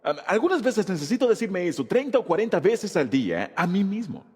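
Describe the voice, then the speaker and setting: A man preaching a sermon with a husky, slightly rough voice that sits fairly high. His delivery swings widely in pitch as he presses each point home. A long reverb trails behind his words. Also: sing-song, a little fast. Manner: emphatic preaching delivery with rhetorical questions. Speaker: Spanish voice-over of a pastor's sermon.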